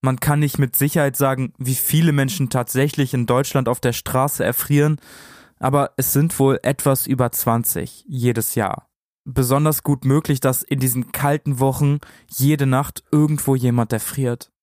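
A man with a medium-pitched voice co-hosts a podcast. He narrates in a conversational way, recorded dry and free of room echo. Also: fairly even intonation, moderate pace, darkish tone. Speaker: podcast co-host.

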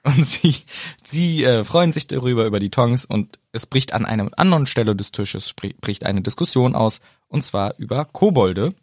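A man co-hosting a podcast, talking in a playful way and laughing often. His voice sits at an ordinary pitch. The recording is dry, with no room sound. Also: animated, moderate pace, darkish tone, dry recording. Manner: playful, laughs often, plays word games. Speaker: podcast co-host. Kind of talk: casual chat.

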